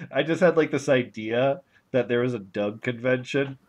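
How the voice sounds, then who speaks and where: A man co-hosting a podcast in casual chat, joking around and mumbling quietly while he draws. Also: mid-range voice, unhurried, lo-fi sound, a little hiss or hum. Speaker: podcast co-host and artist.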